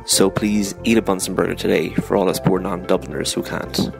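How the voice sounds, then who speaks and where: A deep, heavily gravelly man reads a casual ad with dry, self-mocking asides. The sound comes from a phone dictaphone recording rather than a studio mic, and music plays clearly behind him. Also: little pitch movement, a little fast. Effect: recorded on a phone dictaphone app. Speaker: podcast host reading a sponsor ad. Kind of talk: casual read sponsor spot. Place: home in Waterford, not the studio. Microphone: phone dictaphone app.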